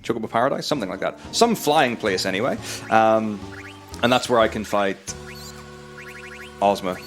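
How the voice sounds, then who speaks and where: A man's voice: fairly low pitch, moderate pace, faint music behind. A man with a Northern Irish accent giving live speedrun commentary, rambling through explanations with frequent restarts. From Northern Ireland.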